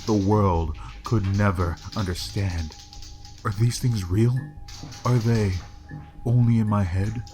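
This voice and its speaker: A man reading a horror story aloud in a measured, grim way. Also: fairly low pitch, music in the background. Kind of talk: scripted horror narration.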